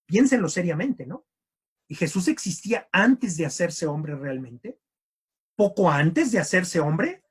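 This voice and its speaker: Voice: mid-range voice, sing-song, measured pace, slightly rough. A theology teacher gives an online lecture, repeating and rephrasing points and often checking in with the listeners. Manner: keeps checking in with "¿sí?" and "¿no?".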